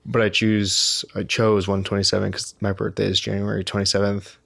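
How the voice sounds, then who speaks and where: A man's voice: fairly low pitch, monotone, a little fast, gravelly, a bit bright, no echo. A tired man vlogging to the camera in a rambling, self-deprecating way, often restarting his sentences. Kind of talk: casual talk to camera.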